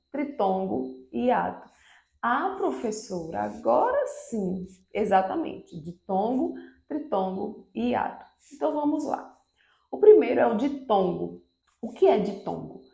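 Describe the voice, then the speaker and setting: Woman teacher, a bit high and gravelly, echoey room. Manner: lively, repeats and stresses example syllables. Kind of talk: online grammar lesson.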